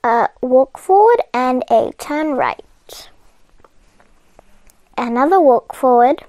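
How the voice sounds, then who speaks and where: A coding tutorial host talks viewers through a coding puzzle game one step at a time, chatty and patient, laughing at her own slip-ups. Her high-pitched voice has lively intonation and a warm tone. She speaks slowly, and the recording is dry.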